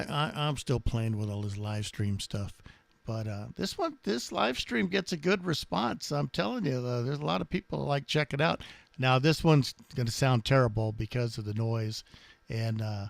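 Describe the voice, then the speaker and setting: A man's voice: medium pitch, vocal fry, dry recording. A man chatting casually and hesitantly on amateur radio, rambling in a laid-back way. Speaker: amateur radio operator and live streamer.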